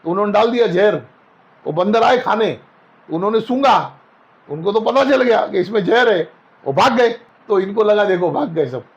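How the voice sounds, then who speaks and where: A man appears as a spiritual guest in a casual interview, sharing homely, folksy anecdotes and acting out the voices of the people in them. His high voice has lively intonation at a moderate pace, though the audio sounds dull.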